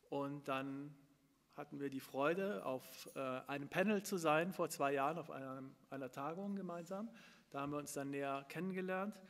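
Middle-aged man hosting in a reverberant hall. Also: a little high. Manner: hesitant, many fillers. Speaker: moderator. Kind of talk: live talk introduction and interview. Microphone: stand mic. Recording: long room reverb, from far camera.

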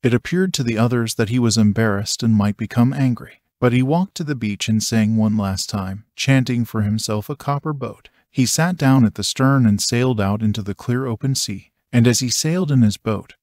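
A man narrating an audiobook in a measured, even reading. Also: mid-range voice, no room sound, clean studio sound.

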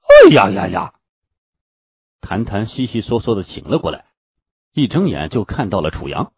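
Brief: male novel narrator, husky, very animated pitch, dull dry lo-fi. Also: brisk, dry recording. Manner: animated storytelling. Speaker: audiobook narrator. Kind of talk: scripted fantasy novel narration.

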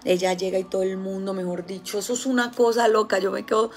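A woman's voice: mid-range voice, flat delivery, fast. A woman with a Colombian accent gives a casual spiritual talk in a mid-range voice. She tells her stories with animation and acts out other people's quoted words. A faint noise sits under the recording. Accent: Colombian Spanish. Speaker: spiritual healer.

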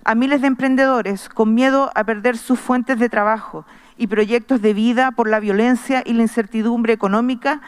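A middle-aged Chilean woman, a constitutional convention member, reads an earnest, measured formal speech from paper at a podium microphone in a large wood-panelled assembly hall. Her voice is on the high side, clear and resonant, with fairly even intonation and small restarts, and the hall adds long reverb.

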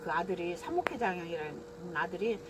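Animated woman telling neighborhood stories. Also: fairly low pitch, a little fast, background noise. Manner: animated storyteller acting out her own lines. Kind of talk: casual chat.

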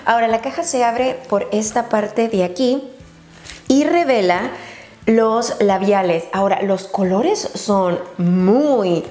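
A chatty, excitable woman with a Mexican accent, unboxing a beauty haul and dropping English exclamations. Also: on the high side, slow pace. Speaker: beauty vlogger. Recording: roomy echo with faint noise.

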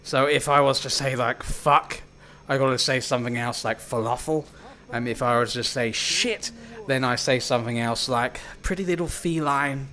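A man talks through a game on a live stream, his voice bright and sharp-edged. He swears constantly and slips into mock-theatrical taunts. The pitch sits at an ordinary middle level. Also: moderate pace, hardly any pauses. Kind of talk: live gaming stream commentary.

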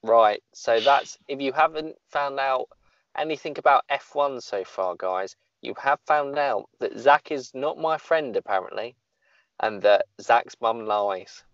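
A man's voice: medium pitch, measured pace, a bit bright, dry recording, dull audio. A man co-hosting a casual podcast, rambling and joking at his own expense. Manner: joking, rambling, self-deprecating. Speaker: podcast co-host.

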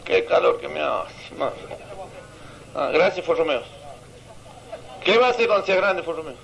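A man's voice: fairly high pitch, lively intonation, normal speed, creaky, fairly bright tone, a little hiss or hum, low-quality recording. A man from Santiago del Estero with a Santiagueño Argentine accent, telling crude jokes outdoors as a stand-up comedian and laughing at his own punchlines. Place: outdoors on a seaside promenade.

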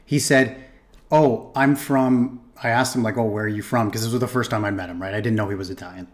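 A man's voice: fairly low pitch, steady tone, fairly quick. A young Canadian man chatting casually in a reaction video, making laughing asides and often repeating words, recorded in a small room on a desk mic. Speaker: reaction streamer.

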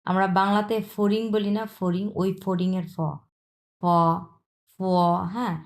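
Woman from China, patient teacher, repeats each sound slowly, mid-pitched voice. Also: fairly even intonation. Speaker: Chinese language teacher. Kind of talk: explaining pronunciation lesson.

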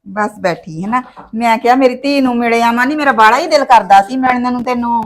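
A woman with a slightly high voice speaks fast in a lightly acted way. She is an actress in a village short film, playing a caring older mother who visits her married daughter and gives homely advice full of sayings, in a Punjabi accent.

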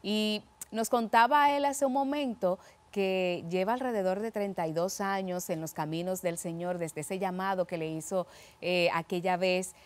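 A woman hosting a faith television program, speaking in a measured, gentle way and addressing viewers directly. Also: mid-range voice. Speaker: TV show host.

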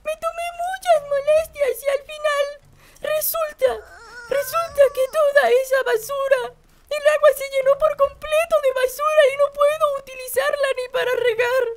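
A woman's voice: extremely high pitch, steady tone, normal speed. An actress playing a young girl in a video game, crying over her ruined garden. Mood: tearful. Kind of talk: game dialogue. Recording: game audio over music.

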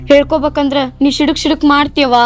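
A woman's voice: high-pitched, flat delivery, very fast, soft background music, close to an everyday voice. A young woman playing a schoolgirl daughter with a North Karnataka Kannada accent, pleading with her parents.

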